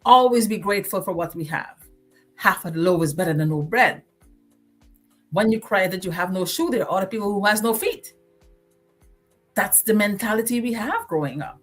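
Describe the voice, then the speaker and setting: A woman's voice: medium pitch, expressive, normal speed, long pauses, faint music behind. A woman from Guyana with a Guyanese accent, hosting a motivational livestream and preaching, repeating phrases for emphasis. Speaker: livestream host.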